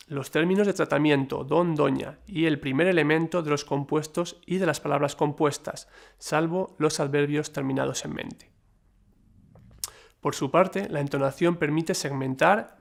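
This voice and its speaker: Man with a gravelly voice explaining. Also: a little high. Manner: measured, explanatory reading with small slips. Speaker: lecturer. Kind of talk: scripted educational narration.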